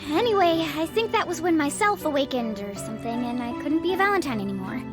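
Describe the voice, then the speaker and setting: A chatty young female android from a video game, high and girlish. She is earnest and easily flustered, stammering over a music backdrop. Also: expressive, fast. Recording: music behind the voice.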